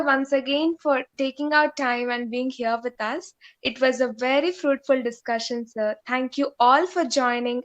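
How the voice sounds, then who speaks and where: A woman's voice: sits high, a bit bright. A woman with an Indian accent giving a polite, formal speech of thanks.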